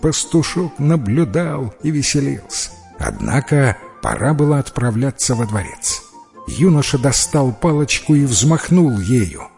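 A man narrating a fairy tale in an expressive storytelling manner. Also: mid-range voice, measured pace, creaky, faint music behind. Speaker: reader.

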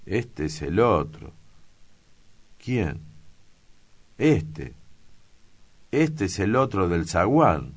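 A fiery priest who bellows his grievances in loud, insistent bursts, as a male reader puts him on. His voice is pushed well above the reader's usual deep tone, and he hammers each accusation home slowly. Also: big pitch swings, husky, exaggerated voice. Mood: blustering. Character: hot-tempered male priest, blustering and vengeful.

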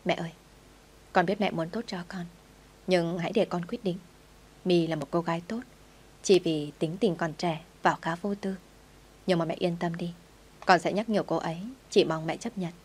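A woman's voice: on the low side, fairly even intonation, moderate pace, pauses often, husky. A woman reading the lines of an earnest son of thirty pleading with his mother.

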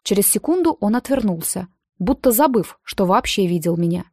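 Woman reading an audiobook in first person, middle pitch, dry close mic. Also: lively intonation, normal speed, darkish tone, dry recording. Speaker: audiobook narrator.

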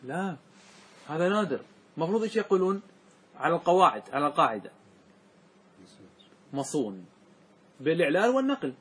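Sheikh teaching grammar in class, highish voice, a bit husky, keeps asking if it's clear. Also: male voice. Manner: keeps checking that students follow, asking if it is clear; slows and repeats words to stress their forms.

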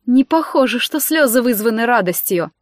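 A woman's voice: a little high, lively intonation, moderate pace, no echo, studio quality, close to an everyday voice. Sneering young necromancer woman, read by a woman. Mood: mocking. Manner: mocking, sharp-tongued. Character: scheming young female necromancer, sneering and haughty.

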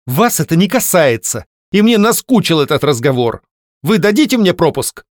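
A man's voice: on the high side, sing-song, quick pace, darkish tone, dry recording, clean studio sound, pitched above the performer's own voice. A man reading a novel aloud, voicing a proud, cold young woman in a raised, clipped, haughty tone. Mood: angry defiance.

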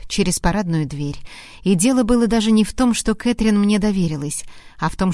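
A woman narrating a first-person fantasy novel aloud, with expressive, dramatic reading of the dialogue. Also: medium pitch, no room sound, studio quality. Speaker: audiobook narrator.

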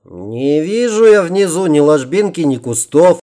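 A worn-out marcher grumbles wearily, as a man puts him on, his voice set a bit higher. The timbre stays dark. It is a storybook reading. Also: big pitch swings, measured pace. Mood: weary. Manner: tired, complaining. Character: weary, grumbling bald man on a long march.

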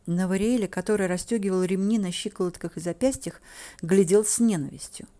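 A woman reads a first-person fantasy novel aloud, expressive and playful in her storytelling. Her voice is dark and mellow, with a medium pitch. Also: a little fast. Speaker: audiobook narrator. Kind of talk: first-person audiobook narration.

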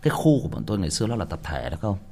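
A man's voice: lowish voice, big pitch swings, very fast, a little mellow. A man telling a childhood story in a crude, colloquial way. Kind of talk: casual storytelling.

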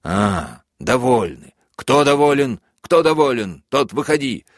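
A man voicing a furious, bullying prison major who screams in shrill outbursts while reading an audiobook. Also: lively intonation, unhurried, vocal fry, a bit bright, slightly rough, dry recording, studio quality, exaggerated voice. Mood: hurried commanding.

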